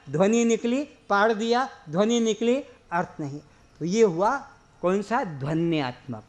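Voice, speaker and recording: A man giving a spiritual discourse to a seated audience, explaining slowly and asking them questions. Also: high voice. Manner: leads slow drawn-out chanting. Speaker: spiritual teacher.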